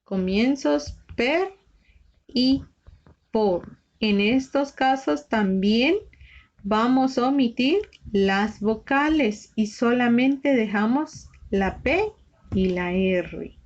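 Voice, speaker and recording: A woman's voice: a little high, animated, extremely slow, a little mellow. A woman teaching a shorthand lesson, patiently spelling out letters one by one. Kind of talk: slow step-by-step lesson. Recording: slightly dull lo-fi recording.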